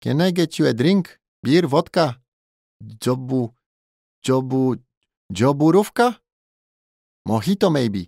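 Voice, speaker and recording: Thai bartender, male, voiced by a male narrator, Thai accent, high, loud, grinning hustler in broken English; dry booth sound. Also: animated, takes it slowly, vocal fry, pauses often, no room sound, full character voice. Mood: jolly.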